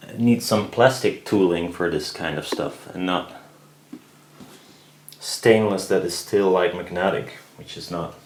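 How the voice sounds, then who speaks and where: Working at an indoor home bench, a man mutters casual, hesitant commentary as he builds. He has a low-pitched voice and speaks a little slowly. Background noise and handling clicks are clearly audible.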